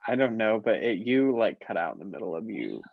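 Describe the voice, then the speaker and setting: A woman's voice: rumbling low, big pitch swings, fairly quick, gravelly, a little hiss or hum. A young woman in her twenties co-hosting a podcast over a call, chiming in with playful, amazed questions. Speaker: podcast co-host. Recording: dull, dry call audio.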